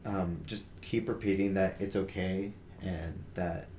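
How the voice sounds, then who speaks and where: A man's voice: low voice, fairly even intonation, measured pace, darkish tone. A young man co-hosting a podcast in casual discussion, talking earnestly with many fillers and restarts. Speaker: podcast co-host. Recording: roomy with faint noise.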